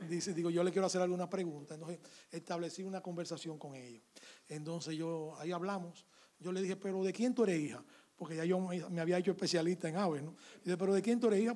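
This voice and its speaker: A man with a Dominican Spanish accent, an author in an interview who tells a story and acts out both sides of the conversation. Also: fairly high pitch. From Dominican Republic. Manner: animated anecdote, acts out dialogue.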